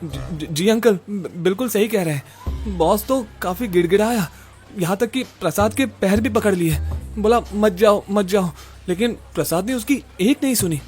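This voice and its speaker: A man's voice: sits high, normal speed, a little mellow, faint music behind, natural voice. A man voicing a sly, scheming young man who swears and mutters asides in an audio drama. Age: young adult.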